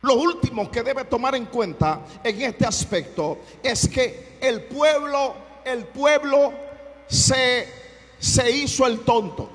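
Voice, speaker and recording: A man preaching a sermon as pastor, fervent, often breaking into shouts and repeating his phrases. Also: extremely high pitch, takes it slowly, big-room sound.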